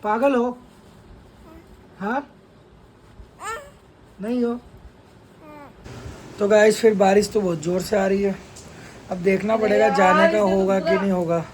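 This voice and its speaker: A man's voice: sits high, level tone, brisk, crowd noise, rough recording. A young man, chatting casually to his vlog audience from his family home, repeating words in pairs as he talks. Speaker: vlogger. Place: family home on a rainy day. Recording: phone recording with loud background noise.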